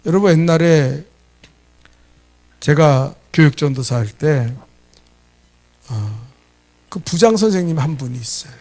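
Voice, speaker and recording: A middle-aged man preaching a sermon as pastor, animated, putting questions to his congregation. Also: fairly high pitch, unhurried, long pauses. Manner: animated preaching, asks the congregation questions and acts out quoted scolding.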